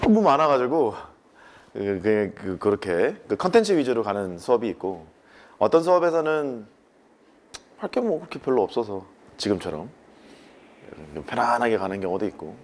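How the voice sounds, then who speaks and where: A man's voice: mid-range voice, big pitch swings, normal speed. A man teaching a math class, talking to students in casual speech and hammering points home by repetition.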